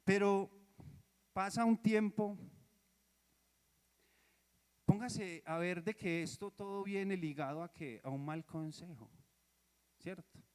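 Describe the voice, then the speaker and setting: A Colombian man preaching a sermon, telling a Bible story in a lively way and dropping into soft asides. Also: high voice, slow, long pauses, clean tone. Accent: Colombian Spanish. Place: church. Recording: church hall reverb. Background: long hall echo.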